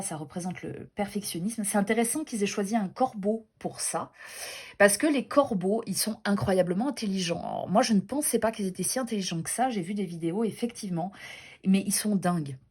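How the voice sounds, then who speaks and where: A woman's voice: mid-range voice, slightly rough. A woman chatting casually as she shows tarot and oracle decks, gushing and self-deprecating, with many fillers and restarts. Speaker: tarot and oracle deck reviewer. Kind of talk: casual show-and-tell chat.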